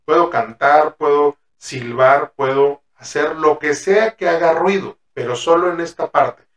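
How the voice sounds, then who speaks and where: A man's voice: a little high, measured pace, a bit bright, dull audio. A man with a Mexican accent hosting a therapy podcast, chatting casually, swearing freely and acting out exchanges with his patients. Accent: Mexican Spanish. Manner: colloquial, swears freely, acts out patient dialogues. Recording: roomy echo, mic at a distance.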